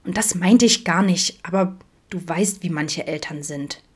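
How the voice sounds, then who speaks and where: A woman's voice: on the low side, a little slow, husky. A woman voicing Alex, a wry young woman who teases her friends with mock sternness. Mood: teasing. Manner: sly, teasing, mock stern. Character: wry young woman, teasing camp counselor.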